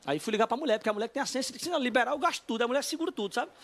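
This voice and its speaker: A middle-aged man telling a comic story as a talk show guest, animated and quick to jump between loud bids and low asides.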